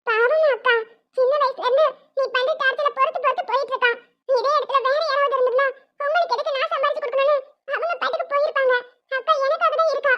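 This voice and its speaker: A woman's voice: very high voice, fairly even intonation, quick pace. A woman voicing an earnest little boy who loyally pleads for his elder sister in a cartoon. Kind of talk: cartoon voice acting. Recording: dull lo-fi sound.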